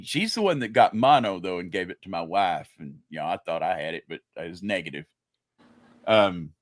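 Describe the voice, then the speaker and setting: A man's voice: fairly low pitch, fairly bright tone, dry recording. An older man, a grandfather, chatting casually and telling stories on a livestream. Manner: chatty storyteller. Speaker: livestream panelist. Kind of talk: casual chat.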